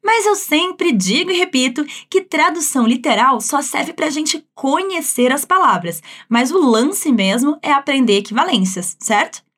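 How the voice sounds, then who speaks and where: Mulher com sotaque brasileiro conduzindo uma aula de francês em tom alegre e motivador. Voz alta e leve, fala coloquial e cheia de incentivos. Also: female voice, sits high, animated, measured pace, hardly any pauses, a bit bright. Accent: Brazilian. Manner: upbeat, chatty, encouraging. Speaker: French teacher. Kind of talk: language lesson.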